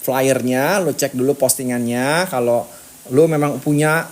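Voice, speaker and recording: A man's voice: medium pitch, unhurried. Emphatic slangy male coach. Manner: slangy, emphatic, rhetorical questions to the viewer. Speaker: public speaking coach. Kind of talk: casual direct-to-viewer coaching talk.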